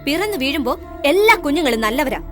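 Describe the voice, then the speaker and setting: A woman's voice: high-pitched, big pitch swings, fast talker, fairly bright tone, soft background music. An actress dubbing a bold, protective mother who argues back to her husband. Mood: reproachful. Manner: bold, pleading, reproachful. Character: outspoken protective young mother. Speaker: mother defending her son. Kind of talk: dubbed film dialogue.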